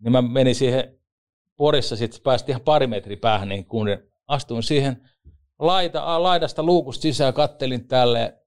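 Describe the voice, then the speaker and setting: A man, an ice hockey referee and former league player, telling lively joking anecdotes in a casual interview. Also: mid-range voice, clean tone.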